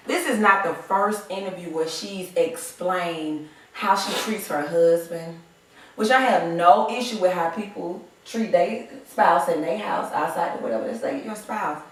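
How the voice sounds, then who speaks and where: A woman's voice: fairly low pitch, unhurried. A woman co-hosting a casual group chat, chatty and teasing. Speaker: co-host. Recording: echoey room, mic far off.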